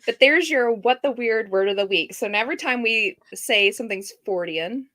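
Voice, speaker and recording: A woman's voice: fairly high pitch, normal speed, fairly bright tone. A woman co-hosting a podcast in casual, chatty conversation. She laughs often and speaks over a streamed video call. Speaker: podcast co-host.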